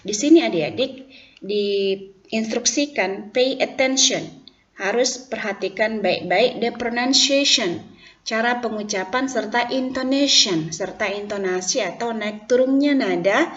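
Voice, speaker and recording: A woman's voice: on the high side, a little slow, fairly bright tone, dull audio. A woman with an Indonesian accent teaching English in an online lesson, explaining patiently and repeating each phrase in two languages.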